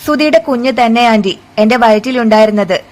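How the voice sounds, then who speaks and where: A woman puts on a frightened young daughter-in-law, tearful and pleading. The voice sits a little high, and it is read as part of a told story. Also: a little fast, close to an everyday voice, low-quality recording.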